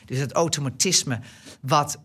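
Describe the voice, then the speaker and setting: A woman's voice: deep voice, unhurried, slightly rough. A woman in her sixties from Groningen with a Groningen accent, chatting as an interview guest and telling stories with fillers and laughter. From Groningen, Netherlands. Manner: chatty, animated, laughs often, many fillers and restarts. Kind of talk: relaxed personal storytelling.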